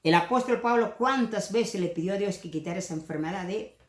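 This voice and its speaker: A woman's voice: medium pitch, fast, echoey room. Impassioned woman preaching a sermon. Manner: impassioned, mimics other preachers mockingly.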